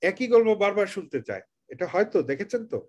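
A man's voice: high-pitched, sing-song, fairly quick, a little mellow. A man leading an online teacher training session, explaining earnestly on a video call and asking rhetorical questions.

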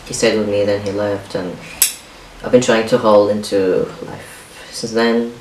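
In a cramped home kitchen, a young vlogger whose native tongue is Arabic talks quietly and haltingly, often starting his sentences over as he confesses to the camera. His pitch is fairly low and his tone stays level. A stand-mounted camera several feet away picks him up with a spacious, distant sound and light hiss.

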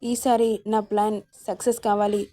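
Woman as a young wife, hurt and reproachful, mellow low tone, flat delivery. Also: moderate pace, dry recording, studio quality, close to an everyday voice. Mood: determined. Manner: pleading, reproachful.

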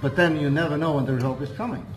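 Talking rapid-fire in a fairly high voice, a man in his sixties from Portugal, Portuguese accent audible, chats as a guest in an interview held indoors at a hotel cafe with large windows. He rambles with frequent hesitations and restarts. The audio is poor, and music plays under it.

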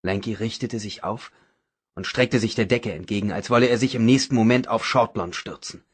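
A man reading a novel aloud as audiobook narrator, in a dramatic, even manner. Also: on the low side, moderate pace, breathy edge. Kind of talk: scripted narration.

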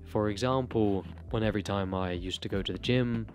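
A young adult man gives a talking-head monologue of earnest, motivational self-improvement advice, addressing the camera directly from a small bedroom. He speaks close into a desk broadcast mic, his fairly low, darkish voice running a little fast.

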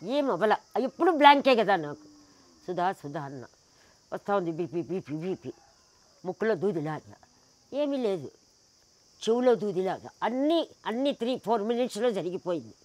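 Her voice is mid-range, sing-song, and a little mellow, at normal speed on a dry recording. The woman is in an interview, relating a personal story with emphasis while acting out its people and firing indignant rhetorical questions.

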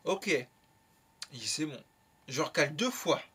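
Young male vlogger, bright and a bit high, tells a rambling anecdote full of slang and curses. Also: a little slow, husky. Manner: lively, slangy, swears freely. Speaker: YouTuber. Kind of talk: casual storytelling.

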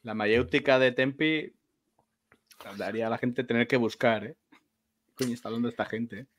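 A man, co-hosting a relaxed livestream, jokey and exclamatory, repeating his phrases. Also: mid-range voice, normal speed, a little hiss or hum. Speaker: podcast co-host. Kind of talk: casual chat on a livestream.

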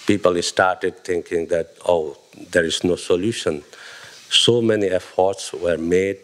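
An older man with a Nepali accent giving slow, measured documentary testimony, speaking into a handheld mic in a living room. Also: low-pitched. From southern Bhutan. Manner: slow and measured, with many pauses.

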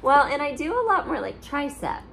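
A woman's voice: high-pitched, sing-song, brisk, gravelly, fairly bright tone, a little hiss or hum. A woman doing push ups and chatting casually with her workout partner, picked up by a camera mic in a room. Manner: counting and talking while doing push-ups. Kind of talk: casual chat during exercise. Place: living room at night, on exercise mat. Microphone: camera on floor, a few feet away.

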